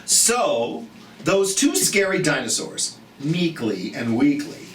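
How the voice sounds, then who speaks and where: In this animated children's read-aloud, a host of unclear gender talks gently and encouragingly straight to young viewers, stretching words out for emphasis. The medium-pitched voice is theatrical and expressive, and the recording has roomy echo, a distant mic and light noise.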